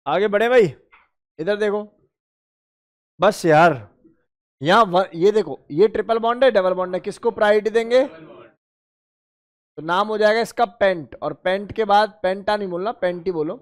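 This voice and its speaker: Man, high voice, chemistry teacher, counts out positions in a brisk drill, quizzes students. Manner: addresses students as beta and bhai, asks and answers his own questions. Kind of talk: exam-prep lecture.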